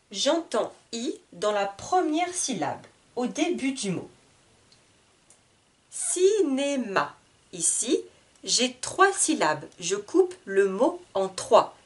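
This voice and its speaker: A woman teaching an early reading lesson, saying each word slowly and clearly, breaking it into syllables and repeating it. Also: mid-range voice, sing-song. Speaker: French teacher. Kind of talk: slow, deliberate reading lesson. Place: classroom with whiteboard.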